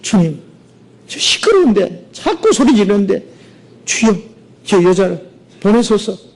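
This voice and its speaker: A man's voice: high voice, sing-song, unhurried, creaky, a little mellow, pitched above the performer's own voice, full character voice. A man voicing impatient male disciples who complain and plead in a whiny tone. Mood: annoyed. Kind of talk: acted quotation in a sermon.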